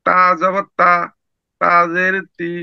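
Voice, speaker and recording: A male student reciting Arabic letter drills in a slow sing-song way over an online call. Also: high voice, monotone, creaky, smooth, no room sound, dull audio.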